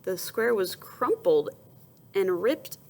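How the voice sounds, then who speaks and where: Here a mid-range female voice reads a picture book to young kids in a teacherly, expressive style. She pauses now and then to ask something and softly answer it, adding asides. Slight background noise can be heard.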